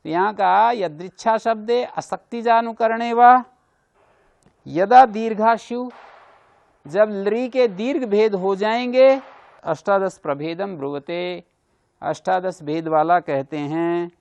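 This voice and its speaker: Guy teaching grammar class, kinda high voice w lots of gravel, goes over examples again n again. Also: takes it slowly, darkish tone. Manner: explains patiently, repeats examples. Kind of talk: classroom lecture.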